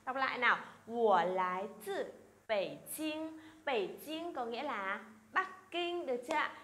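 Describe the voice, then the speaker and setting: A woman teaching a language lesson, drilling example phrases slowly and coaxing her students to repeat aloud. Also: on the high side, fairly bright tone, echoey room, slight background noise. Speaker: Chinese teacher.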